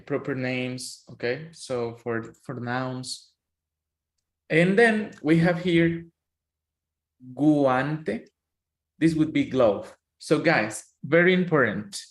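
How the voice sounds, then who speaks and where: Slow, patient Colombian man teaching. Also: medium pitch, roomy sound. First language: Spanish. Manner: patient, checks in often with "okay?". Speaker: Spanish teacher. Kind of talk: online language lesson.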